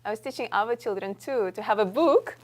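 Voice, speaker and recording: A woman's voice: mid-range voice, expressive, fairly quick, a little mellow. A young woman from Russia with a Russian accent, chatting as a talk show guest, friendly and searching for words. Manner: friendly, hesitant with fillers, laughs easily. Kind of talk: casual interview chat.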